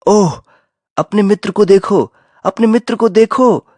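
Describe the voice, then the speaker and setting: A sly, jumpy jackal with a raised, excitable voice that leaps up and down, as a man puts him on. He sounds like a storybook animal, recorded close and dry. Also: a little high, a little slow, dry recording, voice pushed up. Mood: nervous, alarmed. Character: clever, wary male jackal, jumpy and sly.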